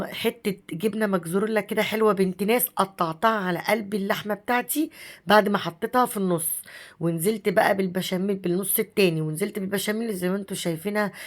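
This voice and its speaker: Egyptian lady, 30s, hoarse w a cold, talks quick n chatty, calls viewers sister while cooking. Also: mid-range voice. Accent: Egyptian Arabic. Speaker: home cooking vlogger. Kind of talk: casual cooking narration.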